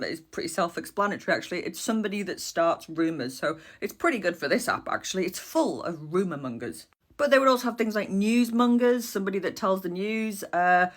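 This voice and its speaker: A woman casually explaining old slang to camera, with dry, sarcastic asides and the odd swear word. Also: mid-range voice. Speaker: history content creator. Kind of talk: casual educational talk to camera.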